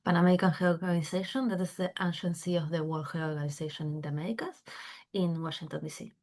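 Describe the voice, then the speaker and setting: A woman's voice: lowish voice, steady tone, darkish tone. Argentine woman speaking English. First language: Spanish. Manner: halting non-native phrasing with fillers. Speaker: panelist. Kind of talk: webinar panel talk.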